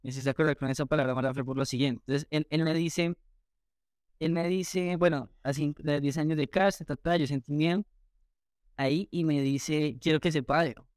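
A man from Colombia, a guest recounting his story in an interview with animated retelling and quoted dialogue. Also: a little high, normal speed, smooth, no echo, clean studio sound. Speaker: entrepreneur guest.

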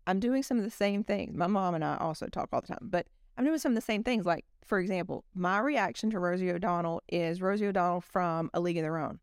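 A woman in her forties, a company executive guesting on a podcast, chatting casually in an animated way with plenty of fillers. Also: lowish voice, fast talker, few pauses, clean tone, no room sound, clean studio sound. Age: 40s. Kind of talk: casual chat.

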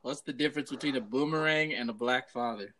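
A man's voice: mid-range voice, fast talker, sharp tone. A man bantering casually and crudely on a podcast, in an untreated room that sounds like the inside of a fishbowl. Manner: crude, profane. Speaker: podcast guest or co-host. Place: echoey room, not soundproofed. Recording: echoey fishbowl-like room, crowd-like noise behind.

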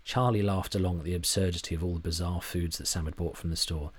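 A man's voice: sits low, steady tone, fast, breathy edge. A man narrating a story in a dry, wry manner.

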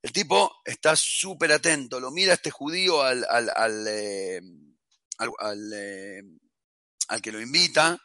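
A middle-aged man with an Argentine accent, a rabbi telling a story in a lively, colloquial and heartfelt way. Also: medium pitch, unhurried, no room sound. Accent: Argentine Spanish. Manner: animated, colloquial, emotional. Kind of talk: storytelling talk.

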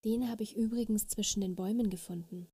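A woman voicing a gentle, caring fairy mother in a storybook reading, soft and calm. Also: medium pitch, fast talker, breathy edge. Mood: tender.

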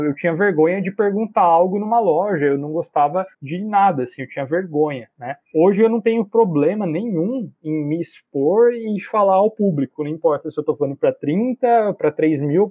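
A man's voice: high voice, dry recording, narrow, tinny audio. A man co-hosting a podcast, chatting reflectively and thinking aloud with many fillers. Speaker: podcast co-host. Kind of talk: casual podcast chat.

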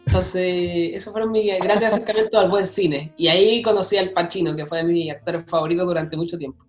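A young man with a Chilean accent, a guest telling stories in a casual interview, full of slang and quick asides. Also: sits high, fairly even intonation, roomy sound, faint music behind. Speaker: guest, content creator.

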